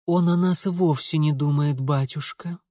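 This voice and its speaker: A man's voice: a little high, big pitch swings, moderate pace, husky, no echo, studio quality, voice pushed up. A man voicing a spiteful young daughter who tattles and mutters resentfully.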